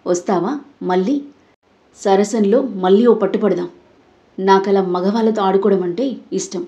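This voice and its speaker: A woman's voice: medium pitch, steady tone, moderate pace, mellow, lo-fi sound, close to an everyday voice. A woman voicing a bold, cunning young woman who is trained in karate, in a Telugu audio story. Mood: defiant. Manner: defiant, then feigning innocence.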